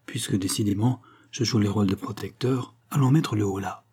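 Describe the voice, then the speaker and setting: A man's voice: lowish voice, brisk, dark tone, slightly rough. A man reading an audiobook, voicing a bold and sly young dandy adventurer with confident, ironic remarks. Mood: amused.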